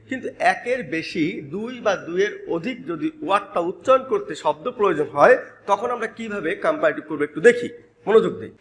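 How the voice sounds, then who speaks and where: A man's voice: high-pitched, a bit bright. A man teaching an English grammar lesson, spelling out words letter by letter and repeating key terms while talking directly to his students. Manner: addresses students directly, prompting attention. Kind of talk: classroom-style grammar lesson.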